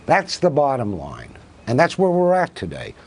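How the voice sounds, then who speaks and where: A man's voice: mid-range voice, huge pitch swings, normal speed, darkish tone, husky. A man, a professor and guest on a televised news interview, arguing emphatically and asking rhetorical questions. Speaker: professor of Russian studies, guest.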